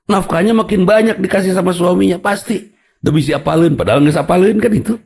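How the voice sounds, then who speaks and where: Talking fast in a high, creaky, husky voice that is a little mellow, a Sundanese-accented Islamic preacher tells funny stories through his sermon. He slips local words into his storytelling.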